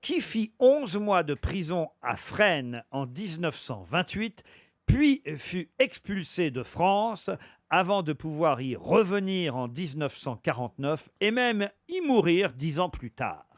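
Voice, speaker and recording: A man's voice: a little high, sing-song, takes it slowly, no room sound, studio quality. A man hosting a radio quiz show, reading out prizes and clues and answering guesses in short replies. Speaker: radio game show host.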